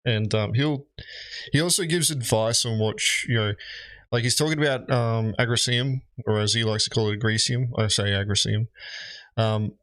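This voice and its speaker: A man's voice: medium pitch, normal speed, a bit bright, no room sound. A man giving casual, rambling commentary as he reacts to gaming videos, with lots of fillers. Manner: rambling, frequent "you know" fillers.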